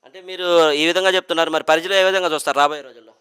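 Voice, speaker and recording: A man's voice: on the high side, fairly even intonation, racing, sharp tone, clean tone. A male reporter asking a passer-by pointed, probing questions in a street interview. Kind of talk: street vox-pop interview.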